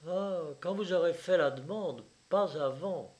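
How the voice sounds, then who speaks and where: A young man speaks with cold, unshaken calm, as a male reader voices him. His delivery is measured and slow, slightly high in pitch. He never raises his voice.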